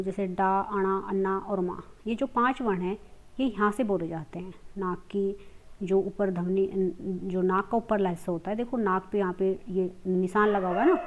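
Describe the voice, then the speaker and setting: Woman, teacher, fairly high voice, step-by-step explaining, slow sounded-out letters. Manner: explains step by step, repeats letter sounds slowly, asks and answers her own questions. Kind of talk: classroom grammar lesson.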